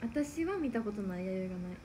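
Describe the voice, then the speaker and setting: A young woman with a Kansai accent, chatting quickly and talkatively on a livestream and giggling often. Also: mid-range voice, expressive. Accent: Kansai Japanese. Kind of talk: casual livestream chat. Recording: clear background noise.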